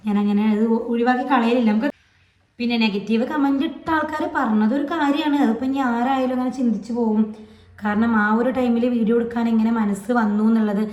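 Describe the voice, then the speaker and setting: A woman's voice: fairly high pitch, a little fast, darkish tone, echoey room. A woman, telling a personal story to her channel in a rambling, repetitive way. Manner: rambling, repetitive retelling with many fillers. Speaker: vlogger.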